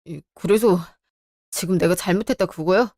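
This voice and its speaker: A sheepish young husband who stammers his apologies, as a woman voices him for a radio drama. Her voice drops low for him, and he talks in an evasive, defensive way. The sound is dry and close-miked. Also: normal speed, dark tone, dry recording, close to an everyday voice.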